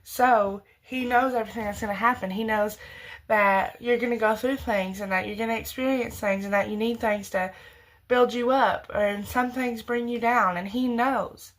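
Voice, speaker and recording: A young woman of about twenty, with a fairly high voice, steady tone and moderate pace, speaks directly to viewers with earnest, rambling faith advice. She often restarts and corrects herself in this casual talk to camera. The recording is low quality.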